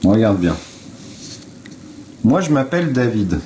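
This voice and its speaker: A man's voice: fairly low pitch, very animated, slow, dark tone, highs cut off, slight background noise. A man on a phone livestream, talking to viewers in a blunt, informal way and explaining step by step. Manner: blunt, informal, swears, addresses viewers directly. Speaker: livestream host. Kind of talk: casual explanatory livestream talk.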